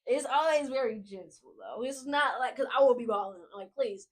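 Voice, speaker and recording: A woman's voice: on the high side, lively intonation, a little fast. A woman, co-hosting a casual faith podcast, talking expressively and chiming in often. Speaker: podcast co-host.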